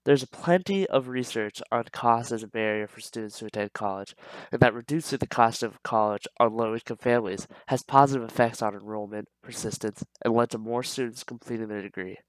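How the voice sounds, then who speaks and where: A man's voice: mid-range voice, fairly quick, no echo, poor audio. Stuffed-up young man reading a speech. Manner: earnest, steady reading with small stumbles. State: stuffed up, slightly nasal. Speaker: student giving a speech. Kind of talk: reading a prepared persuasive speech.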